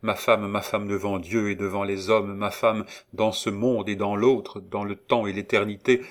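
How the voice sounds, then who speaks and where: A man's voice: fairly low pitch, flat delivery, normal speed, close to an everyday voice. A man reading a novel aloud, voicing a condemned young man in an earnest, tender way. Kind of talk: audiobook reading of a classic novel.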